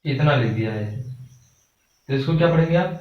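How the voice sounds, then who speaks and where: A male teacher giving a classroom math lesson, asking his students questions and repeating their answers, spelling out notation slowly. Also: a little high, animated. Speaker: subject teacher. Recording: echoey room from far off, dull lo-fi.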